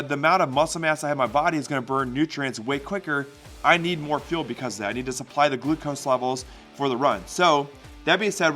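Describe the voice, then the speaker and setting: A man explains his routine in a casual fitness vlog style. His voice is bright and forceful, pitched slightly high, with faint music behind it. He is instructive and often checks that listeners follow. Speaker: fitness vlogger.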